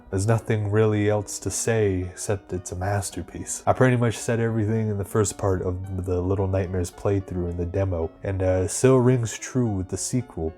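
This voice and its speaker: A man giving a casual video game review voice-over in an informal, slangy, slightly halting way. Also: lowish voice, a little mellow. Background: music under the voice.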